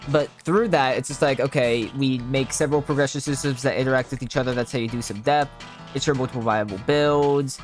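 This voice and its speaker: A man's voice: medium pitch, fairly even intonation, faint music behind. A man, an indie game developer, bantering casually and joking with his co-host while explaining design and coding ideas. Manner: joking, quick to laugh, casual "bro" banter.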